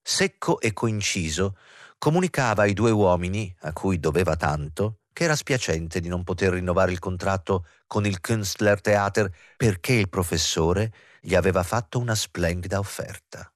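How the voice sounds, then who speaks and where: A man narrating a literary novel as an audiobook in a measured, even way. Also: deep voice, dry recording, studio quality. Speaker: audiobook reader.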